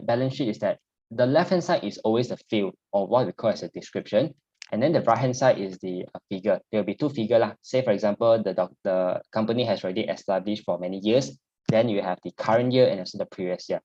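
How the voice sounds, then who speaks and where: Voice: mid-range voice, darkish tone, dull audio. An instructor with a Singaporean or Malaysian accent explains technical steps informally in Singlish, often ending phrases with "lah". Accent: Singaporean or Malaysian English. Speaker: programming instructor.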